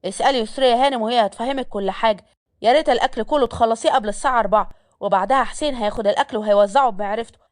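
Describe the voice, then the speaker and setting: A woman's voice: fairly high pitch, racing, close to an everyday voice. A woman voicing a harsh young man who is the boss, giving orders in a scolding, commanding Egyptian manner.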